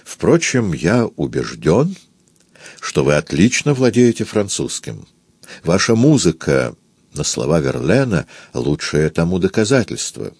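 A man voicing a stout, cheerful male music impresario of about forty who talks in an effusive, flattering way with a slight foreign tinge. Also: sits low, unhurried, husky, no echo, studio quality, full character voice. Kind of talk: audiobook character reading.

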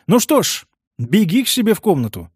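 A man's voice: sits high, big pitch swings, fairly quick, breathy edge, dry recording, voice pushed up, full character voice. A man reading the part of a strict middle-aged uncle who speaks curtly and dryly. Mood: stern. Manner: curt, dry, reluctant.

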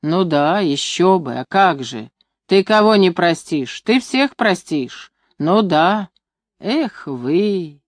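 A reader voicing a gruff, bitter old grandfather in a story, grumbling low. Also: slow pace, no room sound, studio quality, lightly acted.

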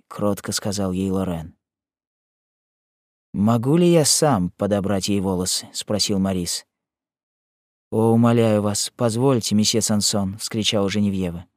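A man narrating a chapter of a classic novel in a measured, solemn reading, slowing down on key phrases. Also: medium pitch, darkish tone, no echo, clean studio sound. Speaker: audiobook narrator. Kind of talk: scripted narration.

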